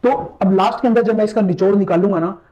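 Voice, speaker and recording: Casual Hindi-speaking math teacher, high voice. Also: male voice, fast, muffled recording. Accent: Hindi, mixing English math terms. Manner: casual, reassuring, keeps telling viewers to look closely. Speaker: math exam-prep teacher. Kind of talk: screen-share syllabus walkthrough lecture.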